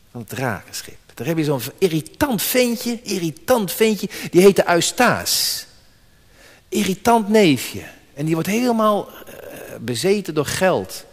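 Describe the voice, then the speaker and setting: A male pastor preaches with strong emphasis, his fairly high voice swinging widely in pitch. He repeats key words to drive them home, and a long hall reverb follows him. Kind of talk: sermon.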